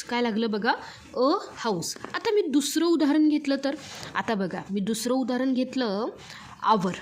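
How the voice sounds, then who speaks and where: A woman's voice: fairly high pitch, a little hiss or hum. Marathi-accented woman teaching grammar. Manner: drills with repeated rhetorical questions. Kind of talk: classroom grammar lecture.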